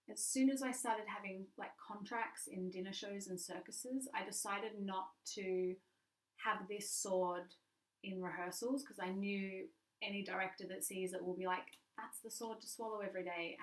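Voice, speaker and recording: A woman sword swallower giving a casual, frank show-and-tell, explaining informally and stressing key words. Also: mid-range voice. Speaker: sword swallower, stage performer. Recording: echoey room, distant mic.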